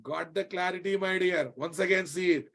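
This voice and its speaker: A man's voice: sits high, steady tone, normal speed, vocal fry, a bit bright. A man with a Telugu Indian accent teaching a live technical class, emphatically repeating phrases and often checking that students follow. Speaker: programming instructor.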